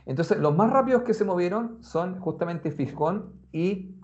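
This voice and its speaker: Animated man, muffled recording. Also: high-pitched, moderate pace. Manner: animated, conversational, addresses the listener directly. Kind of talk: casual explanatory talk. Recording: muffled lo-fi sound with faint music.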